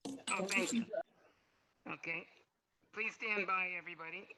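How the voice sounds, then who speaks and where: A man's voice: sits high, fairly even intonation, unhurried, noisy background. A man hosting a question and answer webinar, his audio cutting out with uneven volume. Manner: casual, chatty. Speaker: webinar host. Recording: muffled dry call audio.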